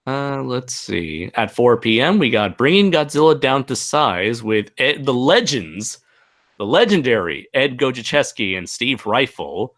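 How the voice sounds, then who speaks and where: Man, host, casual video-call chat, bright voice, joking. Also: medium pitch, big pitch swings. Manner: joking, pauses with "let's see". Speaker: livestream host.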